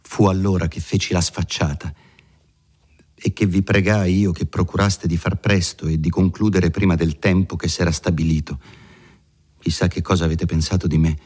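A man's voice: low voice, darkish tone. A man reading the part of a timid, devout young village bride who speaks in an earnest, pleading way, in an audiobook of a classic novel.

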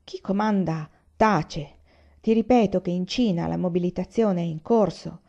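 A woman's voice: fairly low pitch, normal speed, creaky, warm tone, muffled recording. A woman reading the part of a stern young man who firmly urges his brother home, in an audiobook reading. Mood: urgent. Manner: firm, urgent, commanding.

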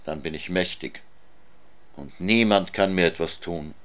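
A man's voice: low-pitched, a little slow. A man reading a storybook aloud, voicing a lonely, stubborn orphaned boy who talks in an insistent, defiant way.

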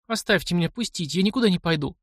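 A man's voice: sits high, animated, racing, no echo, clean studio sound, voice pushed up. A man voicing a frightened but defiant young village girl who pleads and cries out. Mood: pleading. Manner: pleading and crying out.

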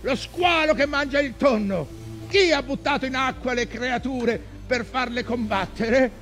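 Old sea captain, high strained-register delivery, unhurried, declamatory, brooding, defiant, theatrical monologue, music underneath. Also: male voice, a bit bright, heavily acted. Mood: defiant, questioning. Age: older. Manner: declamatory, anguished, swinging from murmurs to cries.

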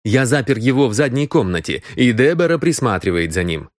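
A man reading a brisk young man. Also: mid-range voice, sing-song, no room sound, clean studio sound, lightly acted. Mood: matter-of-fact.

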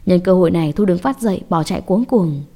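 A woman telling a scripted horror story in a measured, dramatic way. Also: lowish voice, expressive, warm tone.

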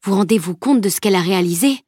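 A woman's voice: medium pitch, lively intonation, fast, darkish tone, breathy edge, dry recording, studio quality. A woman reading an audiobook, voicing an admiring, effusive older male scholar.

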